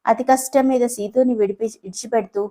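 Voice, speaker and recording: A woman narrates a romantic family audio story. Her delivery is steady and gentle, in a fairly high voice. She keeps an even storytelling pace. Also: fairly quick, rough recording.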